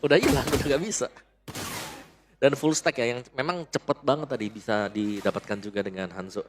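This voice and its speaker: Fast-talking male esports caster. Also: medium pitch, steady tone, noisy background. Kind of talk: esports match commentary. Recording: loud music behind the voice. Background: music.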